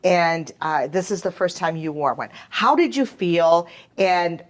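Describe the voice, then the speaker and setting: An American woman leads a relaxed interview and keeps the talk going with short, encouraging questions. Her voice sits a little low. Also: measured pace. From United States. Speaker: host, museum president. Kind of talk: casual interview.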